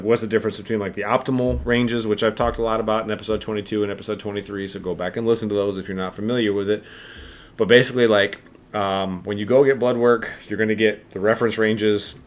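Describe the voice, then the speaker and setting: A man co-hosting a health podcast, explaining in a rambling, casual way with lots of fillers. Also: lowish voice. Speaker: podcast co-host.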